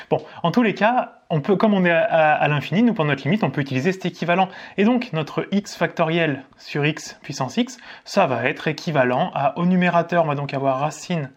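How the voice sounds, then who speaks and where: A man from France teaches maths in front of a board, his voice sitting a little higher than most. He explains casually, asking himself questions and answering them as he works through each step. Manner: casual, thinks aloud, asks and answers his own questions. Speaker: maths tutor.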